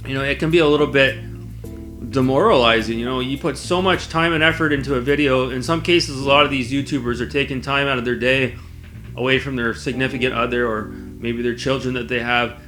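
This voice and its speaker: Talking casually to camera in a vlog, a man rambles conversationally in a bright, forward voice of average pitch. Faint music plays around him.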